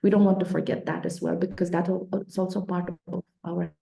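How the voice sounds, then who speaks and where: Woman from Nagaland, author on a panel call, with a dark, gravelly voice and halting, thoughtful phrasing in a roomy echo. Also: fairly low pitch, flat delivery. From Nagaland, Northeast India. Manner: halting, thoughtful, many restarts, laughs often. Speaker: author and speaker. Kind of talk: online panel talk.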